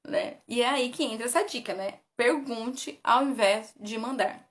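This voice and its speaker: A woman's voice: a little high, measured pace, a bit bright. A woman with a Brazilian Portuguese accent, a parenting educator, giving tips in a casual, conversational way and often tagging her sentences with a question. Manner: conversational, often ends with "né?", reads from notes.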